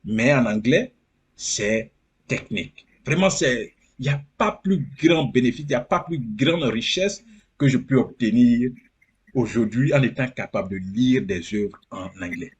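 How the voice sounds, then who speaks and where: Man, husky voice, earnest guest who repeats himself for emphasis. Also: medium pitch, expressive, measured pace. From Côte d'Ivoire. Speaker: interview guest. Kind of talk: casual interview.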